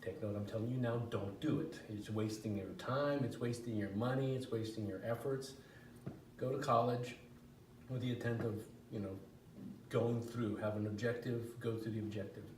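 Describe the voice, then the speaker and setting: A man's voice: lowish voice, fairly even intonation, normal speed, darkish tone. Middle-aged man, interview guest, rambling storytelling, frequent restarts, echoey room, some distance from the mic. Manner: rambling, restarts often, chuckles now and then. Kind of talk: casual personal storytelling interview. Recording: echoey room with background noise.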